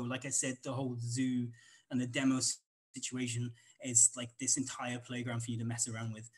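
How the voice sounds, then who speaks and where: A man's voice: medium pitch, a bit bright, rough recording. A man with a Welsh accent giving a casual live coding walkthrough at a conference, rambling with many ums and restarts. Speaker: conference instructor.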